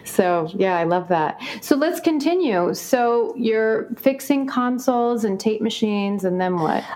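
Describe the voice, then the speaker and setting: A woman's voice: on the high side, expressive, a little slow, darkish tone. A woman hosting an interview, friendly and encouraging. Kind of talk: casual interview.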